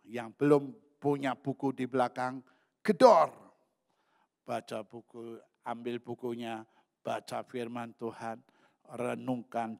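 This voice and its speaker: A middle-aged male pastor preaching a sermon with personal testimony, shifting from quiet storytelling to loud, high exclamations. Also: creaky, long reverb tail.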